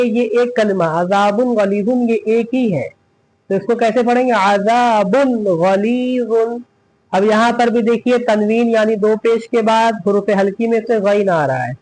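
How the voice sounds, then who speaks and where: A man's voice: high-pitched, a little mellow, rough recording. A man teaching Quran reading, spelling out letters step by step and asking and answering his own questions. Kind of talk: step-by-step recitation lesson.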